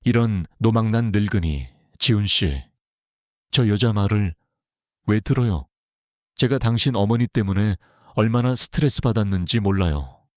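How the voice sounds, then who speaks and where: A man's voice: fairly low pitch, normal speed, a little mellow, no room sound, studio quality, lightly acted. A man voicing a rude, sneering young woman who is about to marry, in an audiobook. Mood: shrill angry. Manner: sneering, blunt.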